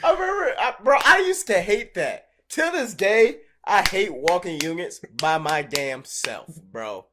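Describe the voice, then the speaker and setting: A young man co-hosting a podcast, telling profane, animated stories and acting out scenes in casual chat. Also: high voice, unhurried, few pauses. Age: young adult. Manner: profane, animated storyteller who acts out scenes. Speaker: podcast co-host.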